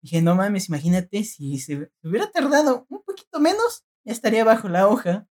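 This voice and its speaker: A woman's voice: medium pitch, a little fast. Slangy Mexican woman telling a story. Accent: Mexican Spanish. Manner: animated slangy storytelling, peppered with filler words. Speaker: storyteller among friends. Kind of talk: casual chat.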